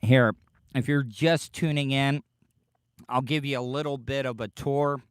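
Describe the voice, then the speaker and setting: A man hosting a casual livestream, talking haltingly and defensively with profanity, his speech slightly slurred as if his lip is full of dip. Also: mid-range voice, steady tone, smooth, dry recording, clean studio sound. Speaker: podcast livestream host. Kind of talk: casual livestream chat, answering live commenters.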